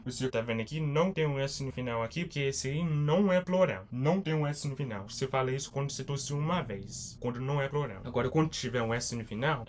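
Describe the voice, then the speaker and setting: A man teaching an online English lesson, speaking slowly and repetitively and spelling words out letter by letter. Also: medium pitch. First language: Portuguese.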